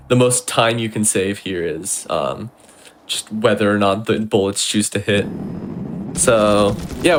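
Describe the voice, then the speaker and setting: Man commentating over clear game noise. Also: fairly low pitch. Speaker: speedrun commentator.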